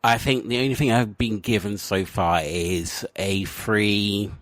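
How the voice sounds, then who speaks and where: A man's voice: lowish voice, steady tone, measured pace, a bit bright, no echo. A man from England hosting a comedic podcast, chatting in a playful, rambling and self-mocking way. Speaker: podcast host. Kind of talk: comedic casual chat.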